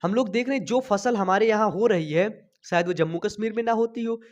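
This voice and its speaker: A young man teaching a biology class in from a small home studio, talking slowly after a cough and checking in with his students all the time. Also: sits high, lo-fi sound. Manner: chatty, checks in constantly with "thik hai". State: recovering from a cough, speaking slowly. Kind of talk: online class lecture. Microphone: sensitive desk mic.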